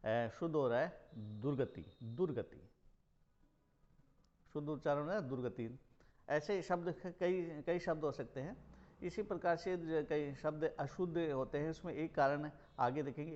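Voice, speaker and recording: A male college teacher from Rajasthan, India, giving a recorded grammar lesson and repeating words slowly for emphasis. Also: a little high, darkish tone. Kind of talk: recorded Hindi grammar lecture. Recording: dull lo-fi recording.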